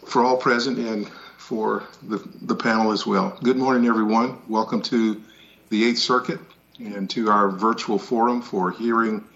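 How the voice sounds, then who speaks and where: Casting: male presiding judge, low creaky voice, hesitant measured delivery, dull call audio. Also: steady tone, fairly bright tone. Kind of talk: formal, unscripted courtroom remarks. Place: virtual court hearing.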